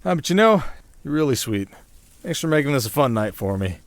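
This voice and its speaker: A man's voice: medium pitch, sing-song, brisk, no echo. Man playing Jack Frost, a wry, flirty winter sprite. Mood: soft, flirty. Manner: casual, wry, sharp-tongued. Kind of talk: ASMR audio roleplay.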